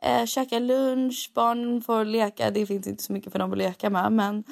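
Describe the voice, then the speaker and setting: Gravelly young Swedish woman telling stories. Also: a little high. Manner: mixes English phrases into Swedish, animated storytelling. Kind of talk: casual chat.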